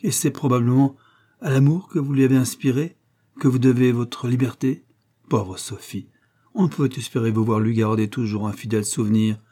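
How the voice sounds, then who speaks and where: A man's voice: mid-range voice, steady tone, normal speed, mellow, breathy edge, natural voice. A male reader voicing a vain, effusive middle-aged woman who has newly remarried, exclaiming piously and gushing over everyone.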